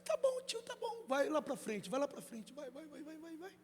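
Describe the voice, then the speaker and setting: A man voicing a small, excitable boy at church with a squeaky, whiny child voice, in a reverberant church hall. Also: normal speed, slight background noise. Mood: eager.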